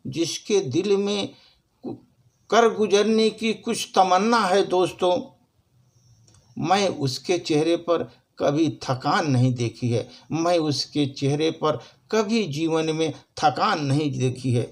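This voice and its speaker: A man's voice: fairly high pitch, takes it slowly. A man reciting a short poem, first giving a spoken introduction, addressing his listener as sir and repeating each line with emphasis. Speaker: poetry reciter.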